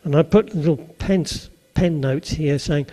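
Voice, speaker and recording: An older man with a Suffolk English accent preaches to a gathered audience, his voice sitting fairly high for a man. He takes his time and moves at an unhurried, slow pace. He keeps the talk chatty, asks the listeners questions and slips in little jokes. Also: warm tone. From Suffolk, England. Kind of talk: anecdotal sermon to a live audience.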